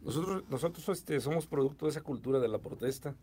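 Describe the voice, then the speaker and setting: A man's voice: on the high side, expressive, mellow, a little hiss or hum. A middle-aged man with a Mexican Spanish accent, an education official answering interview questions with many fillers and restarts. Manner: fast, hesitant with many fillers.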